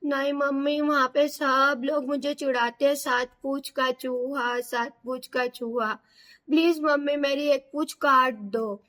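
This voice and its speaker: A woman's voice: high voice, steady tone, measured pace, a bit bright. A woman voicing a small, stubborn boy mouse who begs and whines in a storybook tale. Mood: tearful. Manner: pleading, tearful.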